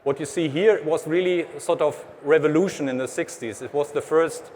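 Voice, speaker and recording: A man's voice: on the high side, normal speed, a little mellow. A man from Germany with a German accent, giving a conference presentation with frequent hesitant fillers. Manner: hesitant, many uh fillers, explanatory. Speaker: trade association head presenting. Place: large exhibition hall stage. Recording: reverberant hall, faint background noise.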